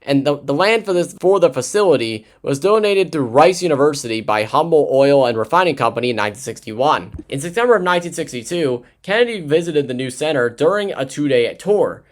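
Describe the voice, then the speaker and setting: Male history narrator, casual and chatty, slightly high voice with a lively melody. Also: brisk, few pauses. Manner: chatty asides, frequent self-corrections. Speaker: history video host.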